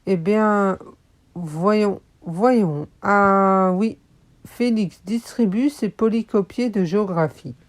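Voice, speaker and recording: A woman voicing a flustered female schoolteacher who stammers and keeps clearing her throat, in a children's audiobook. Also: mid-range voice, measured pace, warm tone, natural voice. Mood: scolding. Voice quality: hesitant, stammering.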